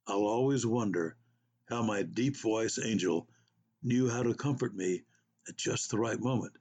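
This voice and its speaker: A man's voice: on the low side, measured pace, darkish tone, breathy edge. A man voicing a frightened woman recalling her fall, told in an uncertain first-person way. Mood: dazed. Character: frightened injured woman, dazed after a fall.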